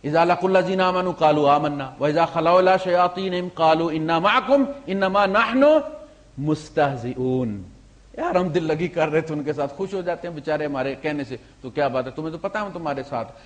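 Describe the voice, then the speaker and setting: An Islamic preacher delivers a storytelling sermon, his fairly high voice swinging from loud emphasis to quiet asides. He mixes English words into his talk.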